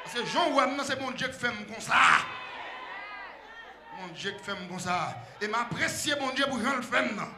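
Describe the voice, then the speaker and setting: A male pastor preaches in a fiery call-and-response style. His voice sits very high with a gravelly edge, sharp and piercing when he shouts. The church room around him is echoey. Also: expressive, normal speed, a crowd in the background, background noise. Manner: shouting call-and-response, switching between loud bursts and quiet asides.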